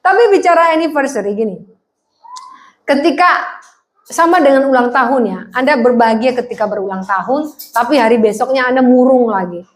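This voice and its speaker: Lively woman pastor preaching in echoey hall. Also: high voice, fairly quick. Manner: lively storytelling, acting out quoted voices. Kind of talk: sermon with humorous anecdote. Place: church hall.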